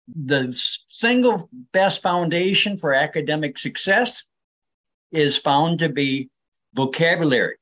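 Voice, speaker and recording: A man's voice: fairly high pitch, fairly bright tone. An older man speaking as an interview guest, explaining things in an earnest, persuasive way. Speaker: interview guest, reading advocate.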